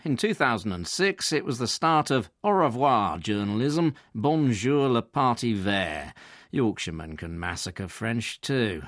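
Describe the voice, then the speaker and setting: A man's voice: medium pitch, dry recording. Guy reading a news profile voiceover, dry close sound, kinda wry. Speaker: reporter narrating a profile. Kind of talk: scripted documentary narration.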